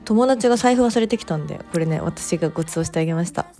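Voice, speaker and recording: A woman narrating her vlog in a relaxed voice-over, chatty and gently enthusiastic, with soft fillers. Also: on the low side, quick pace, soft background music. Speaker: bookstore owner vlogger.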